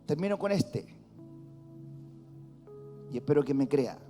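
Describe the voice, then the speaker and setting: Male Chilean pastor, high voice, emphatic and repetitive preaching, reverberant church hall. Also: animated, a little slow, dark tone. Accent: Chilean Spanish. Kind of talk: sermon. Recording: long hall reverb with faint music.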